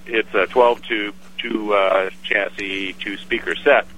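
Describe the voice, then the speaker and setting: Man from Wisconsin, guest storyteller, low voice, bright sharp tone. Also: steady tone, slow, slight background noise, rough recording. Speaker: guest, radio collector. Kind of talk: casual interview chat.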